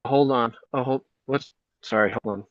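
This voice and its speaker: A man on a video call whose audio keeps breaking up, talking haltingly and checking the connection. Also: medium pitch, no echo, dull audio. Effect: choppy, breaking-up call audio. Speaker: discussion group member. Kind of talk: casual group discussion.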